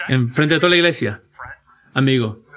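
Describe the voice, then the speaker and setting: A man's voice: medium pitch, animated, normal speed, a bit bright. A man preaching a sermon to his church, earnest and emphatic, with frequent restarts and repeated rhetorical questions. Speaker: pastor.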